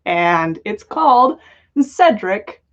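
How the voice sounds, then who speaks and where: On a dull, lo-fi livestream, a podcast host chats casually and playfully jokes with her audience. Her mid-range voice is very animated, and she speaks at a slow pace.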